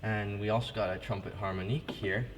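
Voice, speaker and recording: A man's voice: fairly low pitch, fairly even intonation, brisk. A man casually demonstrating church organ stops at the console, talking informally with many restarts and fillers. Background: loud pipe organ playing.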